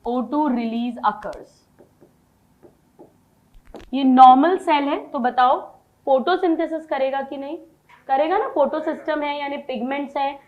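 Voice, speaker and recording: A woman with a high, bright voice gives a biology lesson. She keeps asking the class questions and answers them herself right away. When she dictates notes she slows down and spells them out word by word. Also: narrow, tinny audio. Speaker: biology teacher.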